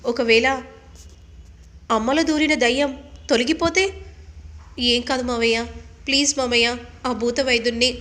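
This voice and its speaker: A woman's voice: a little high, fairly even intonation, normal speed, pauses often, pushed and bright, pitched above the performer's own voice. Woman doing an anxious pleading son. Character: worried grown son, young man.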